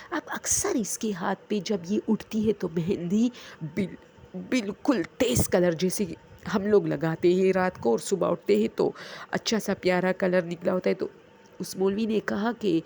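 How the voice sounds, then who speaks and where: Woman storyteller, Pakistani Urdu accent, gravelly mellow voice, casual rambling delivery, faint noise in the background. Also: medium pitch. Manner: chatty, with many fillers and imitated sounds.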